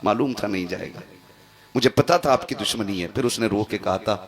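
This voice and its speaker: A man's voice: lowish voice, fairly quick. A man preaching an emotional sermon, telling a story dramatically and acting out the voices in it.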